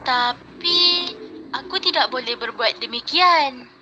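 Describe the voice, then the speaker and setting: A woman voicing a kind, lonely elephant in a puppet show, in a gentle pleading manner. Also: high-pitched, slow, music in the background. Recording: dull noisy home recording.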